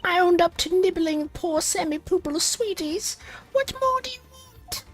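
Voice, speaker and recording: A cutesy, wheedling young confectioner with an extremely high voice. She whines and pleads melodramatically like a game character. Soft music sits behind her. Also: lively intonation, normal speed. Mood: whiny protest. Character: whiny, wheedling girlish woman confectioner feigning silliness.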